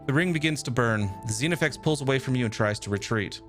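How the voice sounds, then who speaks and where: A male streamer reading a video game's text aloud with a steady storytelling delivery. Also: medium pitch, fast, faint music behind.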